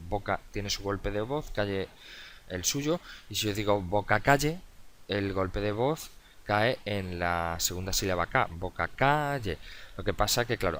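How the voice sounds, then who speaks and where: A man's voice: lowish voice, a bit bright, a little hiss or hum. A man teaching a recorded adult-education lesson, explaining step by step, asking questions and answering them himself, with frequent fillers and self-corrections. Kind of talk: video tutorial lecture.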